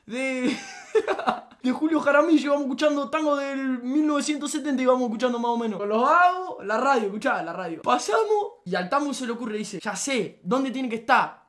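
A young man with a Rioplatense Spanish accent tells a casual story to his viewers. He laughs often, and his voice jumps up high when he gets excited, then drops low and quiet for the asides. His talk is loose and slangy. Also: a little fast, hardly any pauses. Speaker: content creator.

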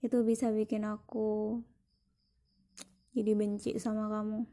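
A young woman reading a story aloud in the first person, quiet and melancholic. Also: medium pitch, level tone, unhurried. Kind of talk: slow reflective story reading.

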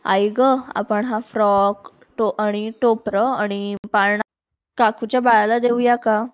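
A woman's voice: mid-range voice, little pitch movement, takes it slowly, smooth, no echo, close to an everyday voice. A woman voicing a sulky little girl who is jealous of a new baby, speaking in a whiny, pleading way in a storybook reading. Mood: coaxing. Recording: dull lo-fi recording.

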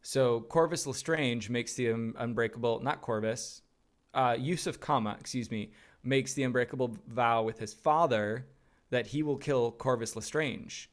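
A man in his thirties, co-hosting a podcast and chatting casually with an animated, storytelling manner. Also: mid-range voice, moderate pace. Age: 30s. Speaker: podcast co-host. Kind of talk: casual chat.

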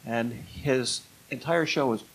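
A man's voice: medium pitch, takes it slowly, breathy edge, poor audio. An older man being interviewed, telling stories in a rambling, conversational way and slipping into quoted dialogue. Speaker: interview guest, retired music club booker. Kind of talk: anecdotal storytelling in an interview.

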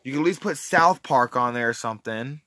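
A man's voice: mid-range voice, lively intonation, brisk, sharp tone. Profane, ranting young man. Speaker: podcast host. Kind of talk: casual chat.

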